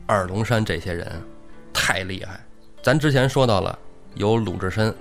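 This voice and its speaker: 一位男性播客主持人用生动幽默的方式讲述古典小说故事。. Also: male voice, on the low side, normal speed, faint music behind. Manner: animated, humorous retelling. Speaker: podcast co-host, storyteller. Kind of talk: lively storytelling chat.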